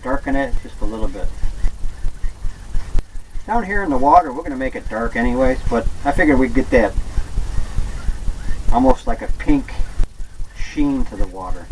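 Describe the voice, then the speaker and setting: A man giving a casual step-by-step painting lesson in a gentle, easygoing instructor's manner. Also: medium pitch, sing-song, moderate pace, pauses often, slight background noise, rough recording.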